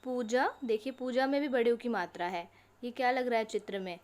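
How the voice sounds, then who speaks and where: A woman teacher giving an online lesson to young children. She reads words slowly, one at a time, and asks questions that she answers herself. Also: on the high side, darkish tone. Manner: slow, drawn-out word-by-word reading for children. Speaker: school teacher.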